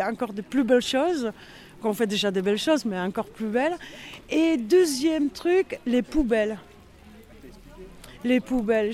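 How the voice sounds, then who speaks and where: Heard in a street interview on local radio, a man talks loosely about his village, hesitating and using lots of fillers. His voice is extremely high-pitched and a little mellow.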